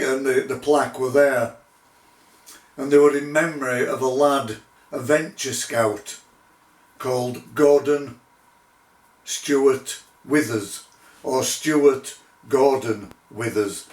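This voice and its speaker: A middle-aged man telling his own paranormal investigation story in a measured, deliberate way, with pauses. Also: mid-range voice. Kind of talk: unscripted spoken storytelling. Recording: roomy echo, distant microphone.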